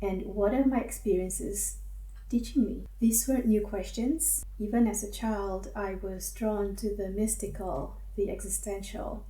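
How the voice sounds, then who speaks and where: A woman, a counselor speaking in a gentle, measured, introspective personal monologue. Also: medium pitch, steady tone. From Singapore. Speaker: counselor and academic advisor. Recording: roomy echo, mic at a distance.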